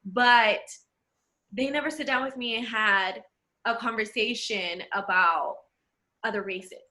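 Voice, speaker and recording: Bright-voiced Salvadoran-born woman chatting. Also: a little high. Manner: animated, laughs often, quick bursts. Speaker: podcast co-host. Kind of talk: casual conversation.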